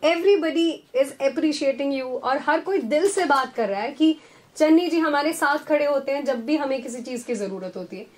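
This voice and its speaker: Bubbly high-voiced woman radio host. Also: moderate pace, darkish tone. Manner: bubbly, effusive, code-switching Hindi and English. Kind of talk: live event hosting.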